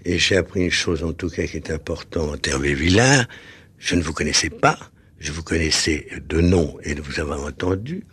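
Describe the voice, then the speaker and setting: A man's voice: extremely low pitch, animated, normal speed, fairly bright tone, slightly rough, no echo. A man speaking as a guest author in a radio interview, genial and reflective.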